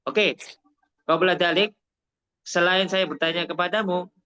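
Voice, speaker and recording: A man from Indonesia with a Javanese accent, teaching Arabic in an online class, mixing Arabic and Indonesian and repeating things slowly to explain. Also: high voice, steady tone, bright, forceful tone, highs cut off.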